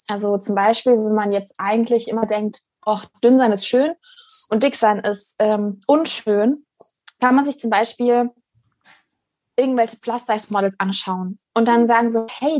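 A young woman with a fairly high voice speaks as a guest in a relaxed interview. She talks earnestly and thoughtfully, often pausing and restarting her sentences. The recording is dry and close. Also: dry recording. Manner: earnest, reflective, many fillers and restarts. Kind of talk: casual interview conversation.

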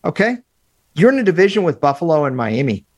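Male podcast co-host, casual, opinionated, excitable delivery over a remote call. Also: fairly high pitch, fast talker. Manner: animated, opinionated, talks in bursts with fillers. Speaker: podcast co-host, football analyst. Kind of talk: casual sports podcast chat.

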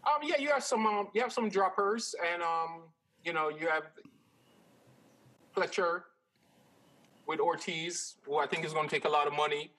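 A man's voice: a little high, moderate pace, long pauses, poor audio. A man from Jamaica who grew up in New York, talking horse-race picks casually with many hesitations. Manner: relaxed, hesitant with many ums. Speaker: guest handicapper. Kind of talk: casual conversation.

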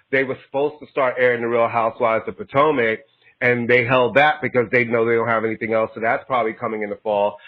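A man co-host lays things out in relaxed chat and circles back to repeat his points. His voice sounds thin, as if it is coming over a phone line. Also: medium pitch. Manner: explanatory, insider talk, repeats himself. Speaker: podcast co-host. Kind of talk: casual chat.

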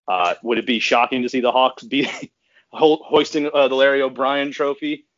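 Excited guy rambling about basketball on a podcast, slightly muffled lo-fi sound. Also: medium pitch, normal speed. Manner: rambling and giddy, with frequent restarts and laughs. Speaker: podcast guest. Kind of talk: casual sports podcast chat. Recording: slightly dull lo-fi audio.

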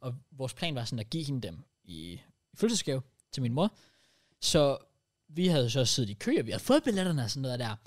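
Young Danish man, casual podcast co-host, mid-pitched voice, loose and lively storyteller. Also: no room sound, clean studio sound. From Denmark. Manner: lively, swears casually, mixes in English. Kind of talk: casual chat.

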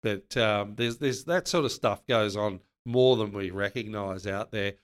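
A man co-hosts a podcast and speaks with earnest conviction as he gives business advice. His voice sits low and comes across smooth and resonant, and the talk stays casual. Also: a little slow.

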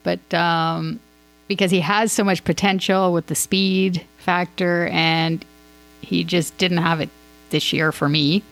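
Gravelly low-voiced woman on a sports podcast. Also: fairly even intonation, slow, a bit bright, soft background music, poor audio. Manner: rambling, thinks aloud. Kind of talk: casual hockey commentary.

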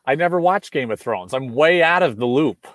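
A man's voice: mid-range voice, animated, moderate pace, fairly bright tone, no room sound, studio quality. A man hosting a casual radio interview who asks curious, playful questions. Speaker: radio host.

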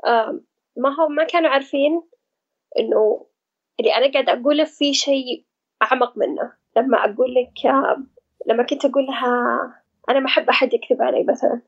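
A woman, speaking as an interview guest about her own experience, pausing often to search for words. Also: sits high, highs cut off. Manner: hesitant, searching for words, reflective. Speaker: guest sharing personal experience. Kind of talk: casual conversational interview.

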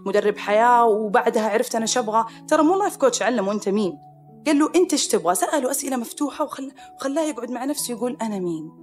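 A woman with a Saudi Arabic accent delivers a podcast monologue at a very fast clip, in a fairly high voice. She talks in an animated way and acts out the people she quotes. Faint music plays under her. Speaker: podcast host, psychiatrist. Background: soft music.

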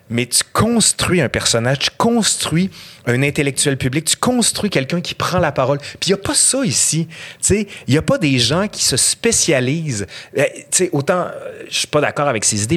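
A middle-aged man with a Québécois French accent, a history professor telling lively anecdotes as a podcast guest. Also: medium pitch, slightly rough. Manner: animated, acts out quotes and anecdotes. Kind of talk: casual interview storytelling.

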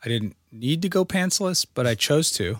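A man co-hosting a podcast in casual chat, dropping deadpan jokes and asides. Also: a little high, normal speed, no room sound. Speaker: podcast co-host.

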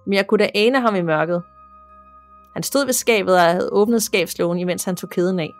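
A woman reading a listener's ghost story aloud as a podcast narrator, in a steady, measured way. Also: mid-range voice, soft background music.

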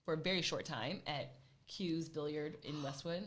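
A woman's voice: low voice, moderate pace. A woman co-hosting a casual podcast who tells stories in a playful, jokey way. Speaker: podcast co-host.

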